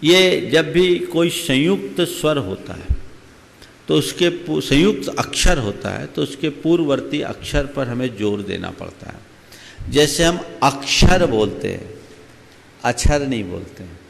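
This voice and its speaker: A man giving a slow, deliberate religious discourse to an audience, explaining and asking them questions. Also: mid-range voice, expressive, creaky, long reverb tail. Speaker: Jain monk giving a discourse. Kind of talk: sermon.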